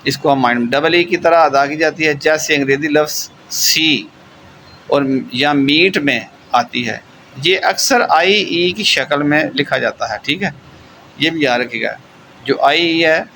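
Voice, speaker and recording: A man gives an online German lesson with a bright, clear tone, drawing out words slowly and pausing often to check that students follow. Faint traffic hums in the background. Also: mid-range voice, poor audio. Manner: slow, drawn-out explaining with frequent "theek hai" check-ins. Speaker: German teacher.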